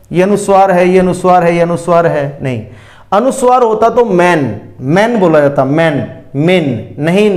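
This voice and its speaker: Middle-aged male teacher, unhurried, patient explainer, higher-pitched voice. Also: a little mellow. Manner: patient, explanatory, repeats examples slowly. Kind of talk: Hindi grammar lesson.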